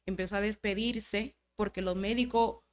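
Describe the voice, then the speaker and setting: A woman's voice: medium pitch, steady tone, moderate pace. A woman, a podcast guest, tells an emotional religious testimony, acting out quoted dialogue and repeating phrases for emphasis. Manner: storytelling, acts out quoted dialogue.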